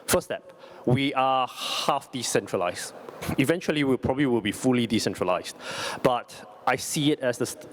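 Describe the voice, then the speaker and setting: Man giving a halting, informal lightning talk. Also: medium pitch. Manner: halting, with repeated words and self-corrections; informal, conversational presenting. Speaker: company CEO presenting.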